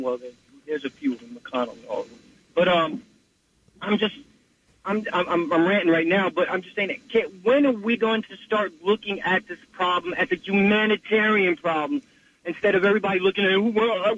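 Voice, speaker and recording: High-voiced man ranting as a radio caller. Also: a bit bright. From New York. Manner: impassioned, rambling rant with many restarts. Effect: caller heard over a phone line. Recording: muffled lo-fi phone line.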